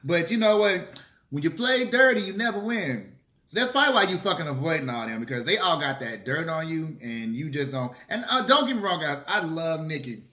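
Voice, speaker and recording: A bright, forceful man's voice, pitched a little high, in a roomy echoing space. He chats casually between bites of food, sassy and opinionated, punching his points with slang and swearing. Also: very animated, fairly quick. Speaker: vlogger hosting a mukbang. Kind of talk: casual chit-chat to camera while eating. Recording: roomy, echoey room sound.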